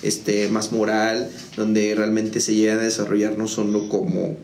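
A man's voice: fairly low pitch, monotone, measured pace, darkish tone. A man, a music school founder, telling his story in a casual interview with many fillers and restarts. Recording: echoey room with faint noise.

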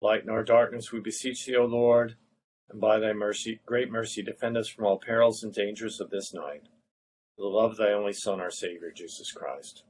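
A man officiating at evening prayer, reciting liturgical prayers in a solemn, measured way. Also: fairly low pitch, fairly even intonation, darkish tone.

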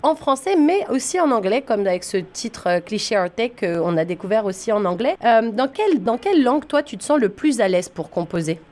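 A woman hosting a radio interview, asking measured questions with occasional stumbles. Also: on the high side, sing-song, darkish tone. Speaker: radio host.

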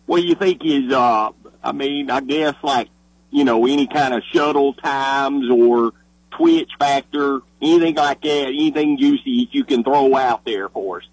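A radio show caller, a man with a drawl and a husky, slightly rough voice. He talks in an easygoing, halting way and leans on fillers as he gathers his thoughts. His voice sits in a middle pitch and sounds dry and close. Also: dry recording, low-quality recording. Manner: hesitant, relaxed, with many fillers. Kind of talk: casual call-in chat.

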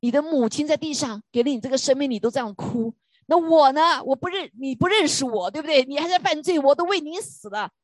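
A woman's voice: sits high, lively intonation, fast, dry recording, voice pushed up. A woman voicing Jesus as a reproachful, pleading male divine figure.

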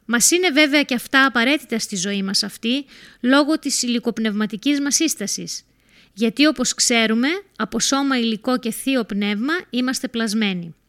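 Higher-voiced woman reading a sermon. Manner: steady, exhortative reading.

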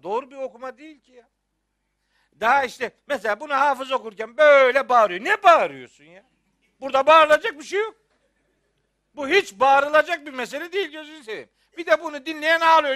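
A man's voice: very high voice, bright, forceful tone, dry recording, clean studio sound. A middle-aged man from Rize in Turkey, a Quran teacher giving a religious lecture, scolding with rhetorical questions and teasing humor.

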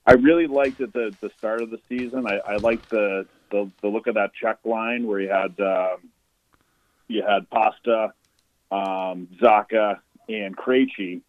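Man on a clipped, tinny phone line, low voice, halting casual call-in, dry sound. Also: fairly even intonation, no room sound. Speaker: caller to a sports radio show.

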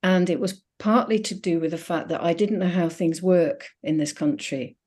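A woman in her fifties from Finland, whose first language is Swedish, talks in a low, mellow voice. She speaks reflectively, as a guest in an interview. She often circles back and rephrases mid-sentence. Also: normal speed. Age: 50s. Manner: reflective, with frequent restarts and self-corrections. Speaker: guest, sociologist. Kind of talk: conversational interview.

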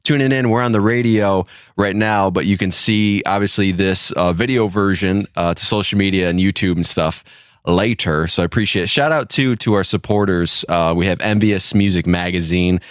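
A low-voiced man in radio host mode, running through shout-outs to his supporters with upbeat energy. The sound is dry and close, with no room around it. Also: moderate pace, no echo. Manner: upbeat host plugging sponsors and the show.

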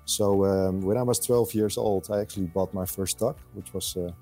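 Dutch man with a low, mellow voice. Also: fairly even intonation, soft background music. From Netherlands. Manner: measured, frequent hesitations with "uh". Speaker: podcast guest, fund selector. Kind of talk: conversational interview answers.

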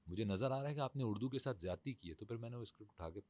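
A man's voice: fairly low pitch, lively intonation, a little mellow, dry recording. A man, a voice-over artist telling stories in a formal, emphatic way in a casual studio talk.

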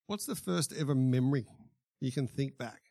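A man's voice: mid-range voice, animated, creaky, mellow, dry recording, clean studio sound. An Australian man from the Central Coast, hosting a podcast and asking questions in a casual, joking way. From Central Coast, New South Wales, Australia. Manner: friendly, joking, quick questions. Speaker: podcast host. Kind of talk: casual interview chat.

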